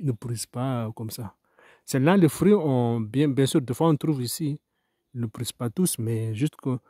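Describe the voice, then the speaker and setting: Recorded with clean studio sound and no room sound, a man with a warm, medium-pitched voice talks casually about his crops as if outdoors for a farm vlog. He's a farmer from Mayotte with a Mahoran French accent. He comes across hesitant and rambling, with many restarts.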